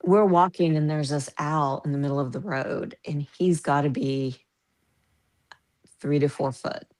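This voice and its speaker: A Midwestern American woman in her fifties, guesting on a podcast, laughs as she animatedly recounts casual stories. Her voice sits low, slightly mellow, and she takes her time.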